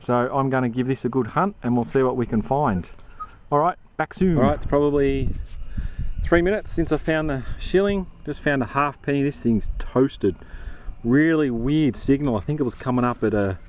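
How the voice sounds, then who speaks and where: A man's voice: mid-range voice, normal speed, a little mellow, a little hiss or hum, low-quality recording. An Australian man narrating casually while metal detecting outdoors, chatty and easygoing with plenty of slang. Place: outdoors in a grassy paddock.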